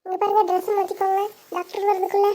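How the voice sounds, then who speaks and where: A child doing a brisk hospital nurse. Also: very high voice, completely flat delivery, mellow. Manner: brisk, instructing.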